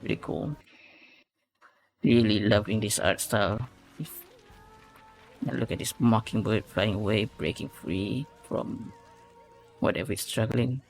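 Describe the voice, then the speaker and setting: A man with a lowish voice offers casual reaction commentary on game trailers as a reaction video host, speaking unhurriedly with long pauses. He rambles and repeats words for emphasis while trailer music plays behind him. The recording is rough.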